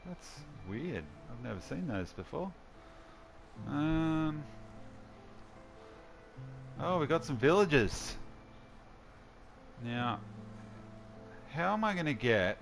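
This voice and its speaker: A man's voice: medium pitch, very animated, takes it slowly, vocal fry, long pauses, faint music behind. A man hosting casual gameplay commentary, musing and thinking aloud as he plays. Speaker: host.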